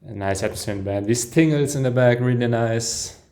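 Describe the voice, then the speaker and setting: A man reacting live to an album, commenting enthusiastically with soft "ooh"s and chuckles, often breaking off and restarting sentences as he listens. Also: medium pitch, a little fast. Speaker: music reaction host.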